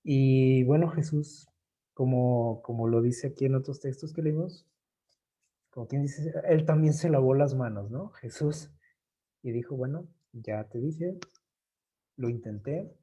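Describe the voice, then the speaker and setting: A man's voice: medium pitch, unhurried, mellow. A man leading an informal Bible study, reading passages aloud and explaining them in a conversational way with speech.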